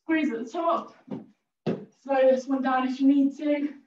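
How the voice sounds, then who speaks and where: A woman's voice: high-pitched, fairly even intonation, a little slow, a little mellow. A woman leading a cardio class, giving upbeat cues and countdowns while out of breath. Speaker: fitness instructor. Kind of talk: workout instruction with countdowns. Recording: roomy, distant and a bit dull.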